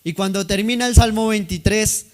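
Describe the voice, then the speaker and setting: Male preacher, slightly high voice, chatty sermon delivery to a congregation. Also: steady tone, moderate pace. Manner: conversational preaching, asks the congregation questions.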